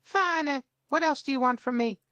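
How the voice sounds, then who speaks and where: A woman's voice: sits high, moderate pace, a bit bright, no echo, muffled recording. A woman's synthetic voice playing an exasperated, put-upon young man who complains as he grudgingly goes along with the demands. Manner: whiny, complaining, grudgingly obeys. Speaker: AI role-play partner.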